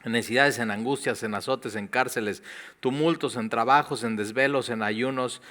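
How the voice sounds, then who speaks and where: Preaching a sermon, a male pastor with a Mexican Spanish accent speaks at medium pitch and a moderate pace in a bright, clear voice. He stays conversational and lively, acting out small quoted asides along the way.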